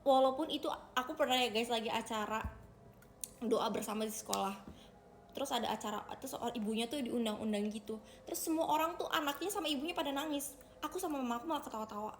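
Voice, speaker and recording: A young woman talks quickly and chattily to her livestream viewers, her voice pitched a little high. She keeps calling them guys as she goes. Faint ambience hums behind her. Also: slight background noise. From Indonesia. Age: young adult. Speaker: idol livestreamer. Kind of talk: casual livestream chat.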